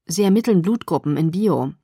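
Woman doing a teenage boy, teasing, slow, self-assured, amused, storybook reading, dry close sound. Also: on the low side, expressive, mellow, husky, no room sound. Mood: calm.

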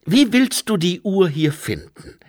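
A man's voice: high voice, big pitch swings, unhurried, no echo, clean studio sound, voice pushed up, full character voice. A man doing an eager young apprentice.

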